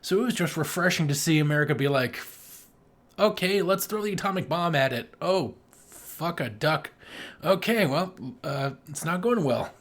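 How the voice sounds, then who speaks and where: Co-hosting a casual film podcast, a man with a slightly high, a bit bright voice talks in loose, rambling runs at normal speed. He's expressive and joking, with some swearing.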